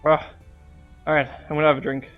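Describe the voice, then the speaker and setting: A young man shoutcasts an online game match from his room, still catching his breath after a dash up the stairs. His voice sits a touch high, and he rambles through fillers and restarts. Faint music plays underneath. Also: little pitch movement, fairly quick, dull audio. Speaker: shoutcaster and streamer. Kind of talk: live game commentary.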